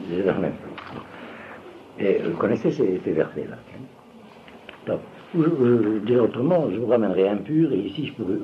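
An older man giving a rambling religious lecture to an audience, often stopping to ask if they follow. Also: fairly low pitch. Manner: digressive, keeps checking if listeners follow. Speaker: religious teacher. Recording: dull lo-fi recording with faint room noise.

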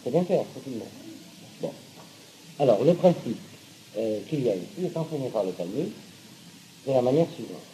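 A man's voice: mid-range voice, lively intonation, moderate pace, long pauses, mellow, a little hiss or hum, low-quality recording. A man teaching a class, often checking that listeners follow, hesitant with fillers and blunt, sarcastic asides. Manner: hesitant, with fillers and repeated words. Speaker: teacher of Hebrew and Torah. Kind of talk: classroom lecture.

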